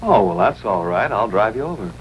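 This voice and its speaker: Brief: easygoing military husband, 1950s TV drama, lowish voice, teasing and folksy, faint noise on old soundtrack. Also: male voice, very animated, brisk, highs cut off. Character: easygoing, teasing Air Force captain and husband. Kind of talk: 1950s TV broadcast drama acting.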